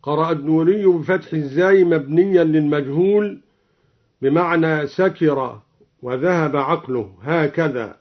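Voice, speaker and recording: A man's voice: a little high, measured pace. A man teaching how verses are recited, explaining each variant plainly and then chanting the verse as an example. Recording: dull lo-fi radio broadcast.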